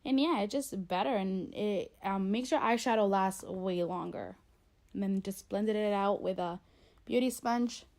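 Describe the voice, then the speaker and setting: In her bedroom, a twentysomething beauty vlogger chats through a makeup tutorial, congested from a cold and full of fillers. Her mid-range voice is unhurried and darkish.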